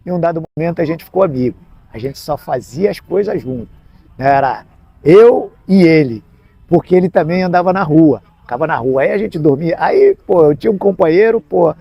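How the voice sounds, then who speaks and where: A man's voice: fairly high pitch, expressive, brisk, vocal fry, dark tone, slightly rough, dry recording. A man, a capoeira master, casually telling childhood stories and acting out quoted lines. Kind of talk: casual storytelling.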